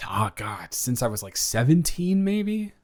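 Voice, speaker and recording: Sheepish and nervous, a young man voices a loving male college student in an improvised intimate audio roleplay. His mid-range delivery is very animated, coming out in rambling, halting stretches with stammers and false starts.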